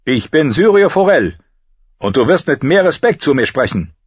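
A man voicing a proud, wise old male fencing master with a measured, instructive cadence. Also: a little high, big pitch swings, breathy edge, no echo, voice pushed up. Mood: defiant. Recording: dull lo-fi recording.

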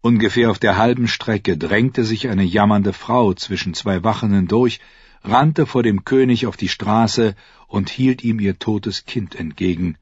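A man reading a fantasy novel aloud with dramatic, expressive narration. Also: fairly low pitch, measured pace, husky, no echo. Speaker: audiobook narrator. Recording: dry, slightly dull audiobook recording.

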